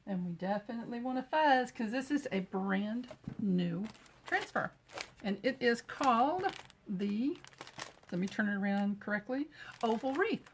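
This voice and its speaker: A middle-aged woman from Texas, USA, demonstrates a craft project during a live stream, greeting viewers and chatting while she works with her hands. Her voice is a little high, expressive and unhurried, with a slight hiss or hum in the recording.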